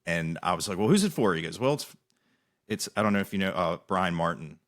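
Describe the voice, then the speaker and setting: Podcast host, young adult man, slightly low voice, loose storytelling with frequent restarts. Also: fairly even intonation, a little fast, fairly bright tone. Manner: rambling storyteller, many restarts, laughs often. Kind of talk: casual chat.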